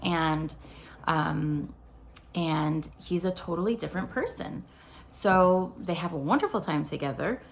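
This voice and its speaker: A woman with a low, gravelly voice tells a story to her viewers in a friendly, conversational way. She sounds like a therapist hosting a short video. Faint noise sits under her voice. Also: a little slow.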